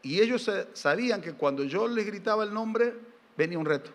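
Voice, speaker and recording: Argentine male pastor, middle-aged, high bright voice, emphatic sermon delivery, reverberant church hall. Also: lively intonation, fairly quick. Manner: emphatic, fires rhetorical questions at the congregation; folksy, tells humorous family anecdotes. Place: church sanctuary during a live service.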